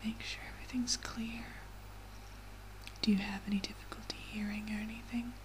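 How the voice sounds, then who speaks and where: A woman in a soft, breathy whispered role-play as a medical examiner, giving gentle, reassuring instructions. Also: a little high, little pitch movement, brisk, rough recording. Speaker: ASMR performer playing a medical examiner. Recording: clearly audible background noise.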